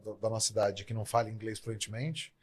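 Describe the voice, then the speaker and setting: Fast-talking chatty male podcast host. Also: on the low side, flat delivery, a little hiss or hum. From Brazil. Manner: chatty, rapid, many self-corrections. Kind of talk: podcast interview.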